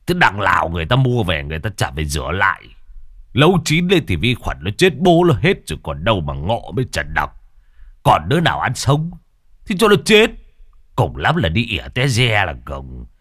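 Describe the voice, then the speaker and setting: Crude middle-aged father, voiced by a male narrator, low gruff voice, swears freely. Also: huge pitch swings, fairly bright tone, no room sound, clean studio sound, heavily acted. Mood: scoffing. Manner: coarse, swearing, brisk.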